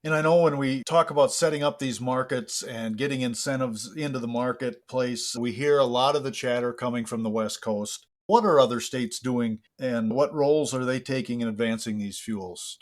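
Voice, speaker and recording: A man hosting a podcast who asks the guest plain, smooth interview questions. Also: medium pitch, normal speed, few pauses.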